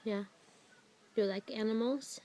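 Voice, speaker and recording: A young mother coaxing her toddler through a picture book, sing-song and gentle with soft asides. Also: fairly high pitch, unhurried. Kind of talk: playing with a toddler. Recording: noisy home video.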